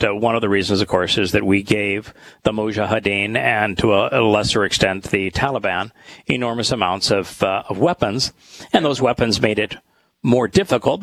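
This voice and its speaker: A man with a lowish voice hosts a talk program built around scripture study. He talks in a halting, thoughtful way, pausing often as he works through his points. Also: fairly bright tone, low-quality recording. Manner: halting, thoughtful, with many pauses. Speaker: host.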